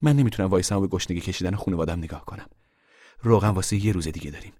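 A man's voice: low-pitched, warm tone. A man voicing a weary, determined mother.

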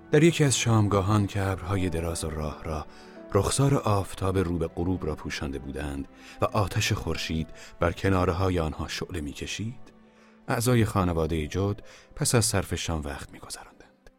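A man reading a novel aloud as narrator, in a steady, measured delivery. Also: deep voice, soft background music. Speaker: audiobook narrator. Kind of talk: scripted narration.

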